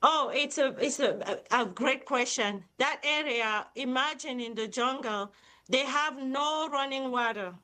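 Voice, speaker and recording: Speaking a little slowly in a high-pitched, sharp voice, a middle-aged Cameroonian-accented woman shares her enthusiasm as a nonprofit founder and CEO. She is a guest in a live interview, and her manner stays upbeat.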